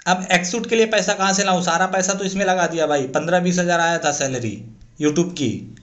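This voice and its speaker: A man's voice: high voice, fairly quick, fairly bright tone. A young man, commentating his own crate opening in a mobile game, frustrated and swearing and pleading with the game. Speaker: gaming YouTuber.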